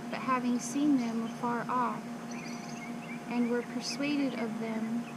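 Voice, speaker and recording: A woman reciting Bible verses by rote from memory, in short measured phrases with pauses, on a recording with loud background noise. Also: a little high. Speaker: scripture reciter.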